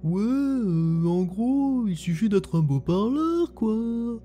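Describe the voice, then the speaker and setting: A woman's voice: a little high, very animated, slow, mellow, soft background music, pitched above the performer's own voice. A woman voicing a dim, blasé sidekick in a comic podcast, drawling and offhand. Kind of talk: scripted comic podcast character.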